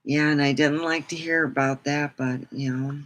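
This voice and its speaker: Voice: mid-range voice, fairly even intonation, normal speed, fairly bright tone. A livestream host chatting casually, in a loose, rambling way that drifts between thoughts.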